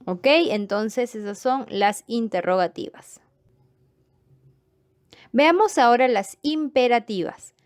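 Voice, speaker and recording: A woman's voice: fairly high pitch, clear, resonant tone, dry recording, clean studio sound. A woman teaching a grammar lesson to viewers, explaining patiently and checking in with them as she goes. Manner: patient, repeats points and checks understanding; friendly sign-off to viewers.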